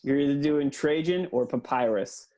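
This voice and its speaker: Man giving a deadpan mock lecture. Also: on the high side, normal speed. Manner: earnest lecturer tone with hesitant fillers. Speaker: improv comedian presenting a mock lecture.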